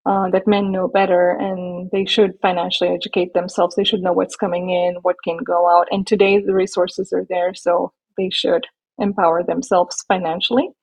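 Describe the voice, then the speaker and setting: A woman from India and Nigeria, talking thoughtfully as an interview guest with many small pauses and restarts. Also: fairly low pitch, little pitch movement, low-quality recording. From born in India, raised in Nigeria. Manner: thoughtful, measured, with frequent fillers and restarts. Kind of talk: interview conversation.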